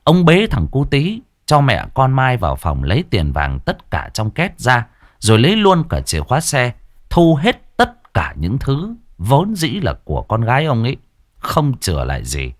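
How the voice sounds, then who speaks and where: A man narrating an audio story in a dramatic, expressive reading. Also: mid-range voice, normal speed, no room sound, studio quality.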